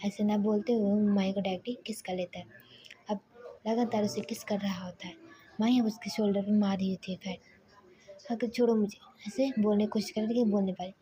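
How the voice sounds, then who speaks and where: A woman's voice: mid-range voice, steady tone, quick pace, warm tone, poor audio. A woman narrating a spoken story casually, often restarting her sentences and sometimes whispering. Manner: loose, self-correcting, partly whispered.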